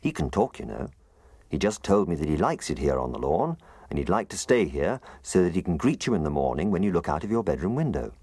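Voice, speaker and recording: A patient, gently teasing father speaks in a very deep voice, as a man voices him. The tone is husky and gravelly, dry and close. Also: big pitch swings, fairly quick, no room sound, heavily acted.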